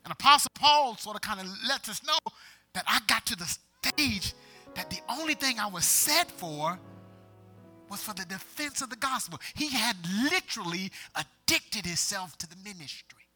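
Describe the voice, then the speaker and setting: A middle-aged man preaches in a high, piercing voice. He keeps calling on the congregation to answer him and climbs to forceful, emphatic peaks. Faint music plays underneath. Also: lively intonation, normal speed. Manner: rising to emphatic, shouted peaks. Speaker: pastor. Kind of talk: call-and-response sermon.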